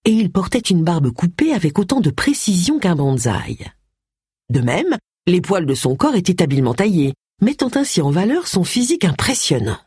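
Brief: expressive narrator, husky tone, lively pitch, dry close sound. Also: no room sound. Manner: expressive, varied. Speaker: audiobook narrator. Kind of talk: scripted narration.

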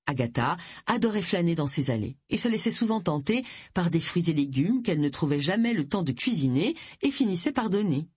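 An expressive audiobook narrator with a lively, wide-ranging intonation. The slightly husky voice is recorded close and dry, with no room sound. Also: mid-range voice, dry recording. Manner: expressive storytelling. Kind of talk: scripted narration.

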